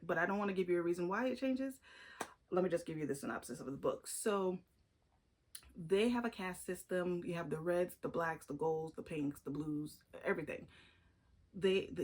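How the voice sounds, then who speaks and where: A woman talking casually to camera about her favorite books, chatty and gushing, with restarts and fillers. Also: lowish voice. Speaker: book reviewer. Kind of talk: casual book review vlog.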